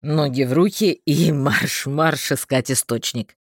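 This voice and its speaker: A man's voice: a little high, a little slow, slightly rough, no echo, studio quality. A man doing a blunt, hearty companion. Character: good-natured blunt male companion, hearty.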